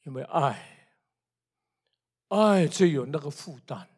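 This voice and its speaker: An older man with a high voice preaches a sermon. He drives his points home with repeated rhetorical questions. His delivery swings between quiet asides and loud, fervent bursts. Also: lively intonation, slow pace, husky. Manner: emphatic, repetitive rhetorical questions.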